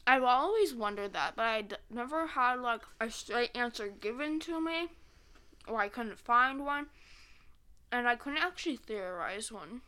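A woman's voice: fairly high pitch, animated, measured pace, bright, forceful tone. A young woman co-hosting a casual podcast, laid-back and jokey, sometimes talking with her mouth full. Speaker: podcast co-host. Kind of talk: casual chat.

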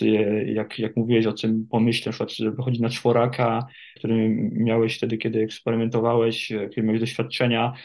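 A man, an addiction therapist, answering interview questions in a measured, reflective way with many hesitations. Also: medium pitch, a little mellow. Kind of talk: interview guest.

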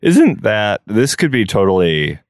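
A man's voice: on the low side, very animated, measured pace, no echo, clean studio sound. A man co-hosting a podcast, chatting casually outdoors in a backyard. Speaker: podcast co-host. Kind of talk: casual chat.

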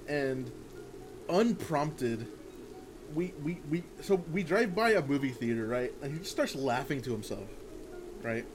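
A young man telling a long story in a casual podcast chat. He pauses and restarts his sentences often. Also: mid-range voice. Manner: storytelling, halting with repeated starts. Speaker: podcast co-host.

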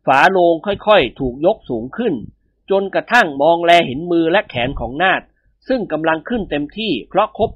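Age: adult. Sex: man. Style: lively storybook narration with a husky voice. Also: on the high side, no echo, muffled recording. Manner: lively, expressive.

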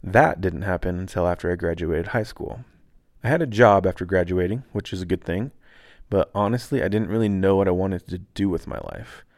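A podcast host who grew up in Taiwan shares a personal reflection in a low, unhurried register. He sounds calm and earnest, like a laid-back guy talking plainly. The recording is close and dry, with no room sound at all.

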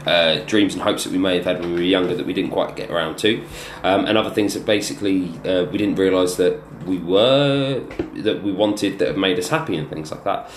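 A man hosts a casual chat in a lowish voice. He is hesitant and loose in his delivery. The room echoes and there is faint noise behind him. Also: fairly quick, few pauses. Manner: hesitant, sweary. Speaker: podcast host. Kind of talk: casual banter.

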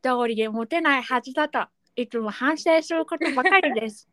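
Fields: woman doing a toothless shy young man reading a letter, slow and careful, higher than usual. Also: pushed and bright, dry recording. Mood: earnest. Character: bashful young man missing back teeth, letter writer.

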